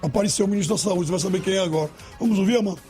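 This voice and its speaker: A man hosts a live radio talk show in a fairly high voice. He is courteous with callers and turns firm when he comments on city matters. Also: rapid-fire, faint music behind. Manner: warm to callers, then firm editorializing.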